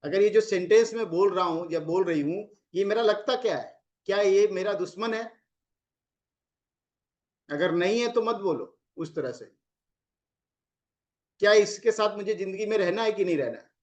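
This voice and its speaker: A man's voice: sits high, moderate pace, long pauses, darkish tone. A middle-aged man, a relationship coach, giving casual advice and acting out examples of how people phrase things in anger. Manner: explains with acted examples of angry phrasing.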